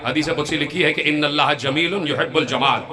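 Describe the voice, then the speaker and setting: A man's voice: fairly high pitch, fast. A man with a Pakistani Urdu accent preaching a sermon to a gathering, emphatic and repetitive, calling on the audience to answer. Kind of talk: religious sermon to a crowd. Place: outdoor gathering with a crowd. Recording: crowd noise behind a public-address voice. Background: crowd.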